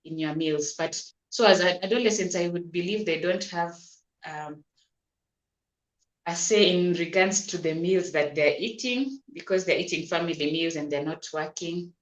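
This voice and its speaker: A woman's voice: fairly low pitch, normal speed. A woman doctor, patiently explaining health advice in an interview, often repeating words and restarting. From Kenya. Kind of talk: advisory interview answers. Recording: roomy echo.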